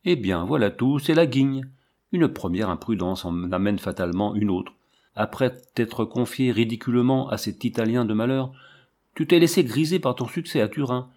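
A man's voice: mid-range voice, expressive, normal speed, a little mellow, lightly acted. A man voicing a blunt, level-headed circus hand. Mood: resigned.

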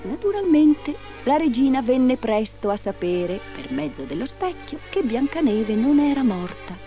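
A woman reading a fairy tale aloud in an expressive, dramatic storybook style. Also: fairly high pitch, measured pace, soft background music.

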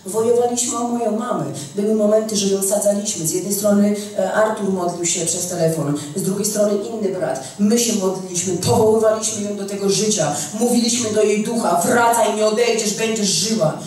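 A woman's voice: mid-range voice, brisk, few pauses, mellow, far from the mic. A woman preaching a charismatic sermon, addressing her congregation directly and emphatically. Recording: echoey hall from afar.

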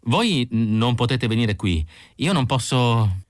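A man voicing a timid, excitable male outcast who stammers and chatters eagerly in a raised voice. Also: mid-range voice, takes it slowly, no echo, studio quality, pitched above the performer's own voice.

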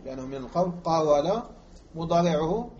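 A man from Algeria teaching Arabic morphology as a lecture, repeating example words slowly and quizzing his listeners. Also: on the high side, animated, a little mellow. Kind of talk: classroom lecture explaining grammar. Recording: muffled lo-fi recording.

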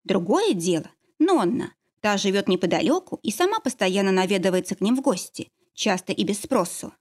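A woman reading an audiobook with a husky, slightly breathy voice. Her pitch moves in a lively way through measured, scripted narration. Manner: measured storytelling.

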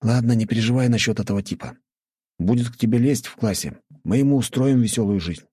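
A man's voice: medium pitch, quick pace, dark tone, slightly rough, no echo, studio quality, pitched above the performer's own voice, close to an everyday voice. A man reading a cheerful, teasing teenage boy prince, a schoolmate, for an audiobook.

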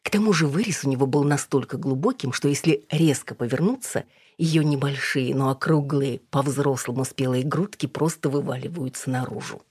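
Low, husky woman narrator, even audiobook reading, dry close sound. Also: normal speed, dry recording. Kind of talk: scripted narration.

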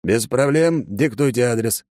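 A man voicing a blunt, commanding older army colonel with a gravelly, barking delivery. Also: medium pitch, unhurried, darkish tone, dry recording, studio quality, pitched above the performer's own voice, lightly acted. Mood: polite.

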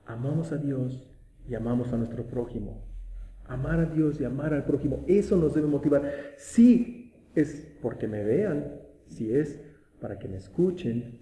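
A man's voice: mid-range voice, warm tone. A man preaching a sermon as pastor in a church, asking rhetorical questions and often restarting his words. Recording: echoey room.

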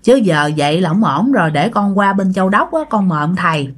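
A woman's voice: lowish voice, animated, fairly quick. Woman voicing a worried aunt in a spoken ghost story, urgent and pleading. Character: worried middle-aged aunt.

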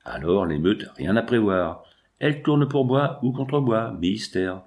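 A man voicing a calculating male strike leader in an audiobook, speaking in a measured, cool, persuasive way with a lowish voice. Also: lively intonation, darkish tone. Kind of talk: audiobook reading.

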